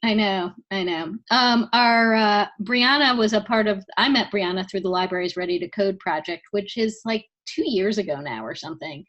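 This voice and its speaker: A woman's voice: medium pitch, moderate pace, few pauses, a bit bright, lo-fi sound. A woman introducing a guest on a video call, enthusiastic and joking at her own expense. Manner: enthusiastic, self-teasing. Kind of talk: casual video call talk.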